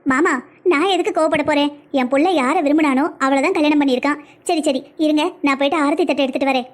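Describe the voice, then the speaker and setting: A woman's voice: high-pitched, fairly even intonation, fast, natural voice. A woman voicing a middle-aged mother and mother-in-law in a cartoon family drama, reproachful and emotional. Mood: pleased.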